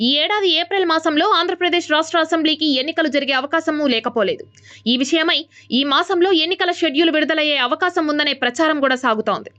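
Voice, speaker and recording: A woman reads the news at a quick clip. Her voice sits very high and sounds bright and crisp, with a brisk, even newsreader delivery. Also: dull audio. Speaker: news anchor. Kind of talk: scripted news reading.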